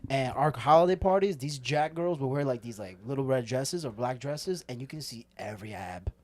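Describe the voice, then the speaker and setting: A man in a comedy club green room races through stories at a quick clip. His voice sits at an ordinary middle pitch, and his telling is loose, rambling and excitable, like a comedian chatting among friends. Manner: fast, rambling, excitable storytelling. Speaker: comedian and podcast co-host. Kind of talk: casual chat.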